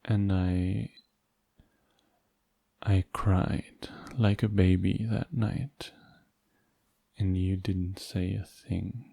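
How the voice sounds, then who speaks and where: A man playing a tender, hurt, devoted boyfriend in an ASMR role-play, speaking in a soft, intimate, halting murmur to comfort a partner. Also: low voice, steady tone, gravelly, dry recording, exaggerated voice. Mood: tender, vulnerable. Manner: slow, halting, gentle, intimate.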